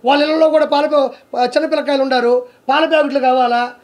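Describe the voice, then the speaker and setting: A man's voice: very high-pitched, fairly even intonation, fast. A man, a comedian, delivering a heated, sarcastic political rant, scolding and mocking with one rhetorical question after another. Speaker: comedian giving political commentary.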